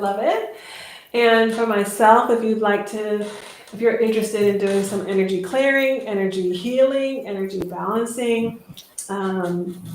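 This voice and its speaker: A woman hosting a casual live-stream chat as an energy healer, speaking in effusive, drawn-out phrases. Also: medium pitch, darkish tone. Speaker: host and Reiki energy healer. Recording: echoey room with faint noise.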